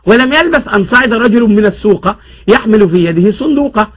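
A man's voice: high voice, expressive, quick pace. A man reciting comic rhymed classical prose in a rhythmic, declaiming manner.

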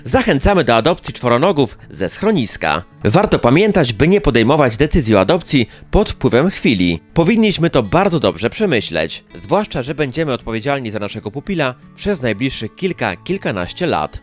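A man's voice: mid-range voice, big pitch swings, normal speed. A man reading scripted news narration as the narrator of a local news chronicle. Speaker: newsreel narrator. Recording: music under the voice. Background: background music.

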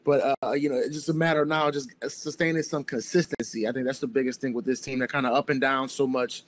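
A man's voice: medium pitch, fairly even intonation, quick pace. A man with an American accent, around his thirties, giving conversational sports analysis as a guest reporter. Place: small room indoors on a video call.

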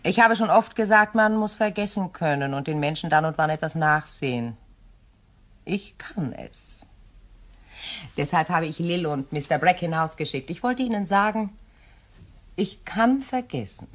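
An actress plays a composed, shrewd widow in a German crime radio play, speaking in a measured, courteous and pointed way. Her female voice is lowish and animated, with a smooth, pointed mood.

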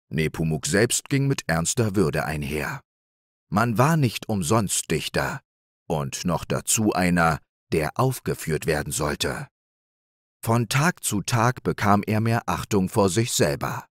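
A man narrates a bedtime fairy tale in a low, slow, soothing voice. His melody still moves widely to keep the story alive. The recording is dry and close. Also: dry recording. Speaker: audiobook reader.

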